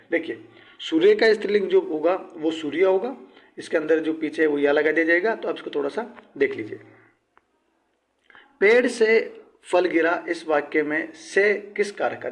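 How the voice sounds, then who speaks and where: In an exam-prep Hindi grammar lesson, a male teacher walks through the material step by step. He asks questions himself and then answers them, letting his voice sink low and soft as each answer ends.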